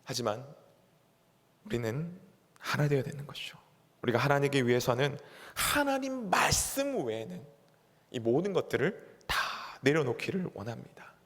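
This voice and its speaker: A pastor giving an earnest, emphatic sermon in a church sanctuary. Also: male voice, medium pitch, sing-song, moderate pace, fairly bright tone. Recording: reverberant church hall.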